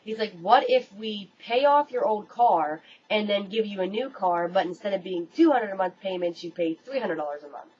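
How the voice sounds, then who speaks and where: A young American woman telling a story to her webcam in an animated, casual way, swearing freely. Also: medium pitch, normal speed, hardly any pauses, slightly rough. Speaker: vlogger. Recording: dull lo-fi webcam audio, faint room noise.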